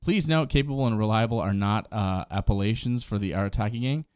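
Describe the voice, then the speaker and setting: Speaking a little fast, this man in his thirties reacts with slangy enthusiasm as a streamer, his fairly low voice darkish and clean. The recording is dry, taken close on a boom-mounted desk mic in his small home gaming room while music plays.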